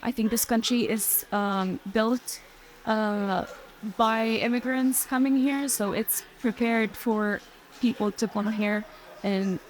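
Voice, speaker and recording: A woman, a newcomer, speaks in a documentary interview. Her voice is a little high, and she chooses her words with care. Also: steady tone, takes it slowly, a little hiss or hum, poor audio.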